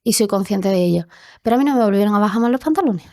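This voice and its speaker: A young woman, the guest in a podcast interview, earnestly recounts her own story in an animated, very fast, warm mid-range voice, now and then acting out voices from her childhood. The dry, studio-quality recording was made on a podcast studio mic.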